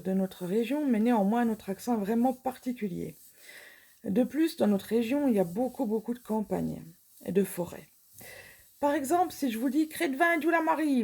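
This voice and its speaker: A woman's voice: fairly high pitch, vocal fry, husky. A woman in her forties from Franche-Comté with a marked Franc-Comtois accent, chatting casually as host of her own channel. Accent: Franc-Comtois French. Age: 40s. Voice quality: strong regional vowels on A and O. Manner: chatty and warm about her region, playful quizzes. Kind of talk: casual chat to camera.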